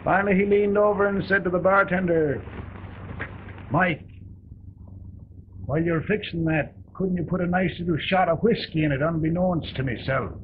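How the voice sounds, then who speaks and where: An actor playing a weary, folksy, merciful wartime president in an early talkie film, with gravelly, deliberate, homespun delivery. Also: male voice, high-pitched, lightly acted. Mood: wry, folksy. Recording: tinny, noisy early sound film track.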